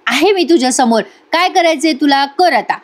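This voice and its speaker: A woman's voice: high voice, animated, normal speed, voice pushed up. A defiant young wife, read by a woman, exasperated and talking back in a raised voice. It sounds like a TV drama retold by a reviewer.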